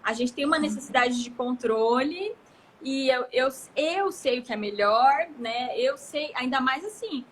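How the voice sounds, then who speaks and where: A woman in her thirties with a Brazilian Portuguese accent, a guest in a casual live conversation, telling stories in an expansive, animated way. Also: high voice, measured pace, slight background noise. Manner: expansive, gesturing, animated storytelling.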